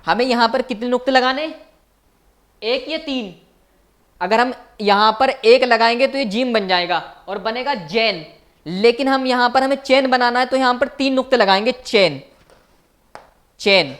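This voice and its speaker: A man's voice: extremely high pitch, normal speed, fairly bright tone. A man teaching as a language teacher in a recorded online lecture, patiently repeating each point and asking his viewers questions.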